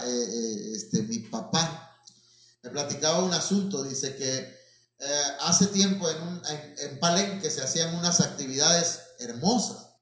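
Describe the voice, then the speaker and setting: A man's voice: fairly high pitch, fairly bright tone. A man, preaching a storytelling sermon as pastor and calling his listeners brothers, with many fillers. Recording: echoey church from far off.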